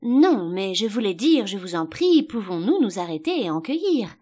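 A woman's voice: mid-range voice, big pitch swings, moderate pace. A woman voicing a polite, curious little girl who talks eagerly and a little plaintively.

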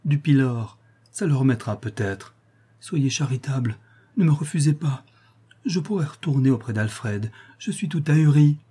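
Shrill fussy old concierge woman, all fretting and pet names, pitched way up, bit husky, a man putting her on. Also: expressive, moderate pace, warm tone. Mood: frantic. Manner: shrill, fretful, fussing endearments.

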